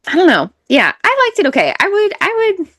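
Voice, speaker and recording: A woman's voice: very high voice, wildly swooping pitch, a little fast, a bit bright, dry recording, studio quality. A woman co-hosting a podcast, chatting casually about books with fillers and frequent laughs. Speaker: podcast co-host. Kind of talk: casual book chat.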